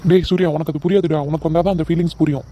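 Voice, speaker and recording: A man's voice: fairly high pitch, fairly even intonation, racing, warm tone, a little hiss or hum, lightly acted. A man voicing a coaxing cartoon brother. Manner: pleading, persuading. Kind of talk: cartoon voice acting.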